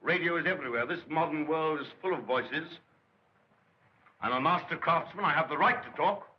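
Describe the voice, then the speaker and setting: A man's voice: fairly high pitch, moderate pace, a little hiss or hum, natural voice. An actor playing a middle-aged male master craftsman who rails against progress in impassioned, declamatory speeches, in 1930s film acting. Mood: rousing. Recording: dull lo-fi 1930s film soundtrack.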